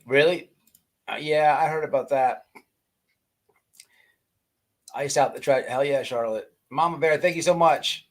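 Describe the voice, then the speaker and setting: A man with a voice on the high side, at a moderate pace, hosts a casual livestream. He rants and chats with viewers in profane slang, frequently stammering and repeating words.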